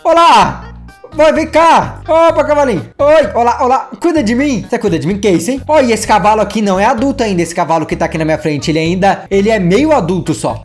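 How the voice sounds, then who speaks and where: A man giving playful, excitable gameplay commentary as a gaming YouTuber, full of exclamations. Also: high voice.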